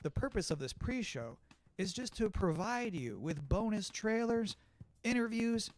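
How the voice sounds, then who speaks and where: A man's voice: sits high, big pitch swings, unhurried. A man hosting a pre-show in a lightly joking, scripted way, his voice broken up by a crackling, popping distorted mic. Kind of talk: scripted presenting.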